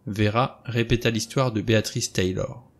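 A man reading a novel aloud in steady, plain storytelling narration. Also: lowish voice, moderate pace. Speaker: audiobook reader. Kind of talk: scripted narration.

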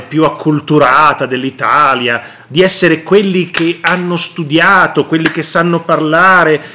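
A man's voice: sits high, bright, forceful tone, a little hiss or hum. A man commenting on politics in a vlog monologue, indignant and sarcastic, repeating his jabs.

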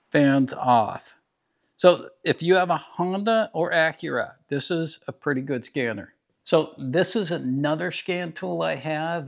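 Unhurried man showing garage tools. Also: on the high side, vocal fry. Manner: plain, practical, unhurried explaining. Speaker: DIY mechanic channel host. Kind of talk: casual product demo. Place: home garage.

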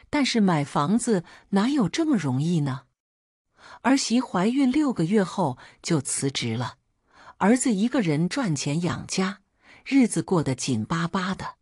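A woman narrates a long first-person story with a lowish, husky voice that rises and falls a great deal. She recounts her complaints in a steady, aggrieved tone, and the sound is close and dry. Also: no room sound.

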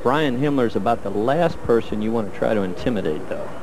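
A man with a lowish voice gives color commentary on a televised bowling match, sounding animated and brisk over background noise. He breaks down each shot analytically, in a coaching style.

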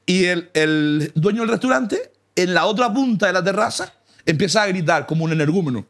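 A comic man spins mock-humble brag stories in a gravelly, fairly high voice. His pitch leaps and swoops as he talks, and he keeps breaking into laughter. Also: lively intonation, fairly quick, a bit bright. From Canary Islands. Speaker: comedian guest. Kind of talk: comic storytelling in casual chat. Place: car.

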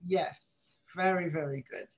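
A woman's voice: on the low side, steady tone, unhurried. Trinidadian woman hosting a health chat. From Trinidad and Tobago. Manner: warm, chatty, laughs often. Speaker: pediatrician and host. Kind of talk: online health talk interview.

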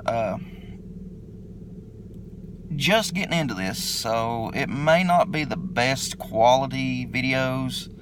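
A middle-aged man with an eastern Kentucky accent speaks in a relaxed, folksy, halting way, pitched at an ordinary male level. He is filming himself on a phone, and the phone video carries a clear layer of background noise. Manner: laid-back, halting, folksy. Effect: self-recorded phone video. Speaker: motovlogger introducing his channel. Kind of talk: casual unscripted vlog intro. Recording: noisy phone video recording.

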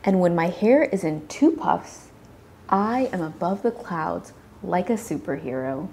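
Slow, lively woman reading a storybook. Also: fairly low pitch, gravelly, slight background noise. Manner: slow, animated reading with playful voiced sounds. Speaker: children's storybook reader. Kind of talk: read-aloud storytelling for young children.

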